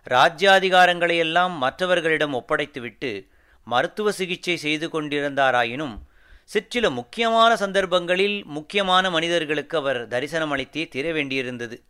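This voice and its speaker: A man narrating an audiobook of a historical novel in a measured, formal storytelling manner. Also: a little high, pushed and bright, clean tone.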